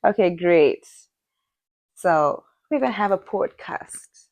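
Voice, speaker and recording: Laughing often, a young woman from Zimbabwe tells a story in a relaxed podcast conversation she co-hosts. She speaks slowly and expressively in a fairly low, slightly mellow voice, though the audio is dull.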